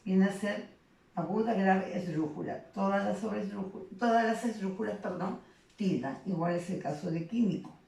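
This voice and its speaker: A woman teaching a grammar lesson to secondary students, with a mellow, gravelly voice. She explains patiently and keeps checking in with short tag questions. The sound is roomy and echoing, with her voice set back from the mic. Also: mid-range voice, moderate pace, distant mic. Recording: echoey room, voice off the mic.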